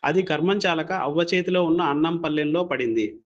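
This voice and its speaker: A man telling a folk story as scripted narration, steady and plain. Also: fairly high pitch, a little fast, lo-fi sound.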